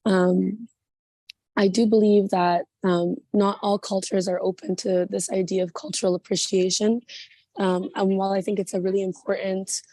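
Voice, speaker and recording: Woman, mellow and even-toned, voice giving out, earnest and halting, joining a panel by phone from an airport terminal. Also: medium pitch, no echo. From Canada. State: losing her voice. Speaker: panel participant. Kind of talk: spoken remarks at an online panel.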